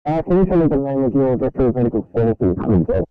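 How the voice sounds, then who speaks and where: A man's voice: medium pitch, big pitch swings, fast talker, clean tone, no room sound. A man working as a radio check operator, speaking in procedural two-way radio exchanges over a narrow, tinny transmission.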